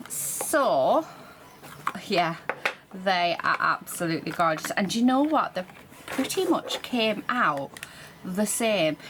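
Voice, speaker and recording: A woman's voice: mid-range voice, a bit bright. A British woman casually chatting and thinking aloud as she demonstrates a craft, in the manner of a hands-on vlogger. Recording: clear background noise. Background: printer running in the background in part.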